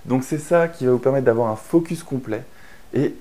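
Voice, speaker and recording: An online course instructor from France explains a productivity method, his voice medium in pitch and mellow, moving at normal speed. It's chatty explanatory narration with frequent fillers and restarts.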